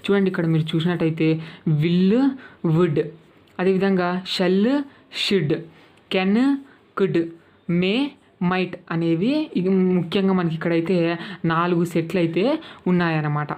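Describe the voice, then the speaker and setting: A woman's voice: fairly low pitch, fairly even intonation, measured pace, pauses often, darkish tone. A woman teaching an English grammar lesson. She explains patiently, repeats each point and keeps asking whether the learner has understood. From Telugu-speaking South India. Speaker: English tutor.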